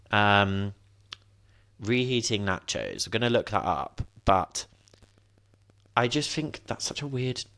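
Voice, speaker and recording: A man in his twenties chats through a casual solo podcast at home, rambling and making self-mocking asides, his nose sniffly. The voice is lowish, gravelly, and a little bright, captured in a dry, clean studio-quality recording.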